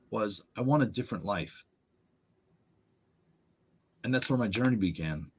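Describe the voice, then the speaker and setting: A man as a guest on an interview show, telling personal stories with animated, acted-out quotes. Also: medium pitch, a little hiss or hum. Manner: animated storyteller, acts out quotes in raised voice. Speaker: podcast guest. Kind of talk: storytelling conversation.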